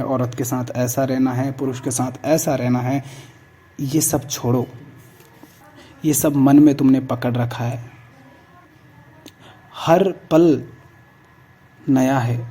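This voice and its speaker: A man giving a calm, measured spiritual discourse, urging listeners again and again to let go. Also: medium pitch, slightly rough. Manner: calm, measured preaching with repeated exhortations. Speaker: spiritual speaker.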